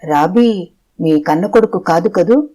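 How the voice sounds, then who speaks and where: A narrator of an audiobook voicing a middle-aged man who presses a family with quick, pointed questions. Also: medium pitch, dark tone, close to an everyday voice. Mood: questioning.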